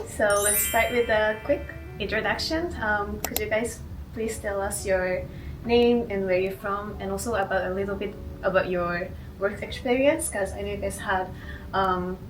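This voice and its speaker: A young woman, hosting a casual interview in a friendly, slightly halting way. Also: medium pitch, noisy background. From Japan. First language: Japanese. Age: early 20s. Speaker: host, student interviewer. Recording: roomy distant mic with music bed.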